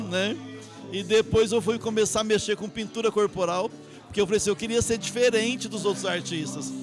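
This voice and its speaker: A middle-aged Brazilian man, an artist guest, telling his life story in a rambling way, often ending phrases with tag questions. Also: high voice. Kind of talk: interview storytelling. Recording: music playing behind.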